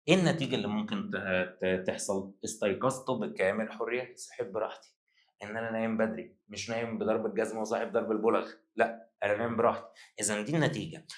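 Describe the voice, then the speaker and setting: A young man with an Egyptian accent teaching an exam-prep lesson, joking and teasing his students in rapid colloquial banter. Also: on the low side. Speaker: Arabic teacher. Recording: echoey room.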